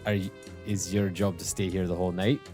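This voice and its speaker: Guy doing a flustered adventurer, low voice, stammers but stays polite. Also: level tone, a little fast, music in the background, natural voice. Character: blunt, flustered male adventurer.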